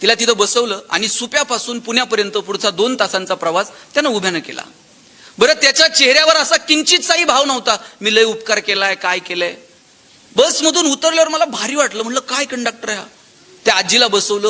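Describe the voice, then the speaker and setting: A man giving a motivational public lecture, telling stories and voicing the people in them, swinging between loud exclamations and soft asides. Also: high-pitched, lively intonation, fast. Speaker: motivational speaker.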